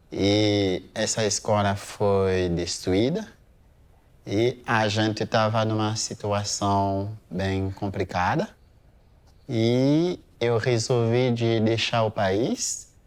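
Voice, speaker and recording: A man in his thirties from Haiti giving a hesitant museum testimony, pausing often with fillers. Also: on the low side, fairly even intonation, smooth. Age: 30s. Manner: slow, hesitant, many pauses and fillers. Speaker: interviewee.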